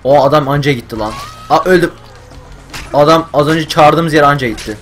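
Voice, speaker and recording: A young man commentating a game stream live, getting loud and swearing at the game. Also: fairly high pitch, fast talker, soft background music. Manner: excitable, swears, yells at the game. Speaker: gaming streamer.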